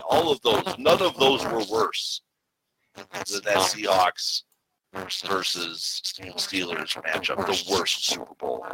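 A man's voice: lowish voice, noisy background. A man co-hosting a sports podcast, speaking emphatically and repeating words for stress in casual chat. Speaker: podcast co-host.

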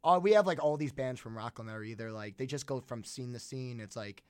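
A man chatting loosely about his band. His voice sits at an ordinary middle pitch, but it leaps up when he gets worked up, and he laughs easily. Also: brisk, clean tone. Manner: excitable, jumps up in pitch when animated, laughs often. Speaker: band member. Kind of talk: casual band interview.

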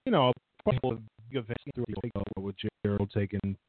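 Over a thin, dry phone connection that keeps breaking up, a man rambles casually about wrestling. He fills his talk with "uh" and "you know." His pitch is fairly low and he speaks at a normal speed, with a dry sound.

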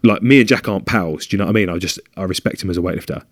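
A deep-voiced British man co-hosts a podcast from a home room, talking rapid-fire in casual chat. He's chatty and rambling, humming filler sounds as he goes. The recording is studio quality, with no room sound.

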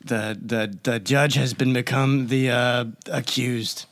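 A man's voice: medium pitch, steady tone, a bit bright. An actor playing a hesitant, awkwardly amorous accused man in a casual comedy drama. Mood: awkward, pleading. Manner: halting.

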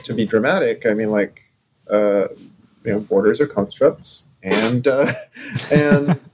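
A man from Morocco co-hosting a casual podcast discussion, talking in halting stops and starts with many fillers. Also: on the low side, background noise. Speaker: podcast co-host.

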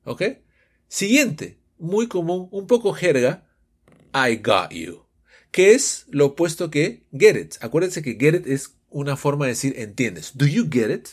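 Male English teacher, husky, bouncy lively delivery, playful. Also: on the high side, unhurried. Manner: animated, switches between explanation and English example phrases; playfully acts out students' questions in raised voices. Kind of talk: online English lesson for Spanish speakers.

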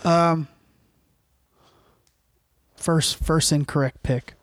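A man's voice: on the high side, fairly even intonation, extremely slow, dry recording. A young man, a podcast co-host, telling a rambling, profane story in casual chat and often laughing.

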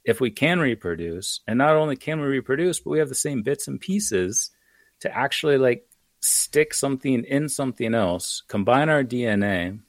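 An American author, guest on a casual podcast, speaks in a mid-range male voice with no echo. He talks through ideas thoughtfully, rambling and leaning on filler words as he explains.

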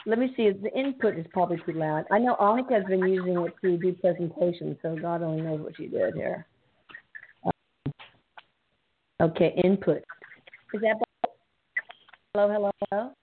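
A woman's voice: on the low side, moderate pace, long pauses. A woman hosting a casual video-call chat, her voice choppy and breaking up over a bad connection, talking in a chatty, rambling way. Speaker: host. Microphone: computer headset mic on a video call. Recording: tinny call line with faint noise.

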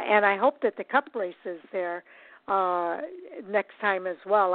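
A woman's voice: mid-range voice, no echo. Woman host on a tinny phone line. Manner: opinionated, many "uh" fillers. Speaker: race talk show host. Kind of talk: casual podcast race talk.

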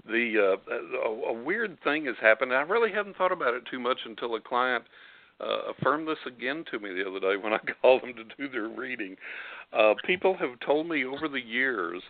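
A man's voice: mid-range voice, animated, fairly quick. A man speaks with a West Texas twang and a distinctive drawl. He tells stories in a casual, folksy manner. The sound is narrow like a phone line, with very little room echo. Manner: folksy, chuckles while telling anecdotes. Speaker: psychic giving readings as guest on a call-in show. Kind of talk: casual talk and storytelling.

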